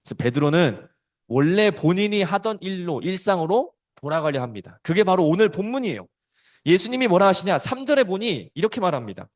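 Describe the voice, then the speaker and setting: Male children's preacher, lively storyteller, raised pitch, loud-soft swings. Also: fairly quick.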